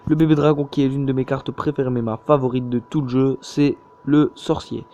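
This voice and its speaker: A man's voice: medium pitch, fairly even intonation, fairly quick, dark tone. A young man, commenting casually on his gameplay, hesitant and full of fillers. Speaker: gaming YouTuber. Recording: dull lo-fi mic with faint noise.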